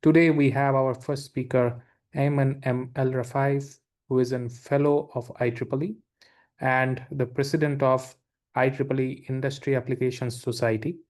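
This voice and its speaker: A man introduces a speaker at an online forum over a video call. He speaks formally, with a flat, even pitch. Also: normal speed. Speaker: forum moderator.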